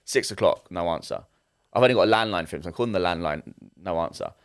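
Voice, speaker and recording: Young male podcast co-host, rapid rambling storyteller. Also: low-pitched. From England. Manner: rambling anecdote with many restarts. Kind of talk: casual chat.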